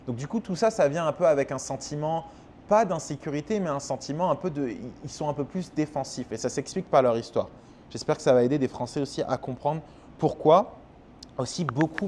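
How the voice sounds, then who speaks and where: A man's voice: mid-range voice, a little mellow, a little hiss or hum. A man from France in his thirties with a French accent, talking frankly in a casual explanatory monologue, with frequent fillers and repeated words. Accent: French, slightly Québécois-tinged. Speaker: host.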